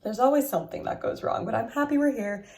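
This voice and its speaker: A woman's voice: a little high, quick pace, a little mellow, slight background noise. A woman hosting her own vlog, chatting animatedly and laughing at her own jokes while telling stories from her desk at home. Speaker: vlogger host. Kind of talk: casual vlog chat.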